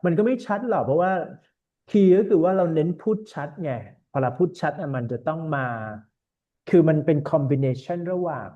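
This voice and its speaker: Heard through an online call with dull audio, a man tutoring IELTS speaking talks at normal speed in a somewhat high voice. He keeps things relaxed and slips English words into his Thai.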